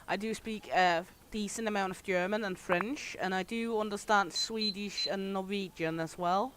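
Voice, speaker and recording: A middle-aged streamer from Denmark speaks English with a thick Danish accent, her mid-range voice fairly bright, fairly even in intonation and at normal speed. Chatty and candid, she plays a game while reading chat messages aloud and answering her audience. A faint hiss runs beneath the recording.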